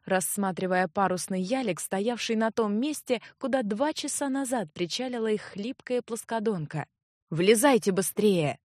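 A female audiobook narrator reads scripted fantasy narration at a measured, even storytelling pace. Her pitch is medium, and the studio-quality recording carries no room sound.

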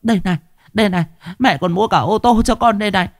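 A man's voice: high voice, fast talker, no room sound, studio quality, pitched above the performer's own voice. A man doing a wailing grieving mother. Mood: tearful lament. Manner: wailing, tearful lament. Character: grieving older woman calling her dead son.

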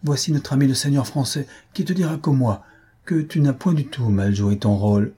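Audiobook: reader doing a fatherly, shrewd stage director, mellow, husky. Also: mid-range voice, moderate pace, voice pushed up, close to an everyday voice. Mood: coaxing. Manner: coaxing, paternal. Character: older male troupe director, soothing, shrewd.

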